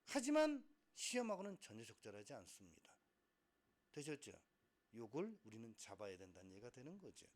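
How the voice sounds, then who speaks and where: A man's voice: mid-range voice, brisk. A middle-aged man teaching a Korean language class, lecturing animatedly, acting out students and asking rhetorical questions. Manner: animated, acts out students' voices, frequent laughter and rhetorical questions.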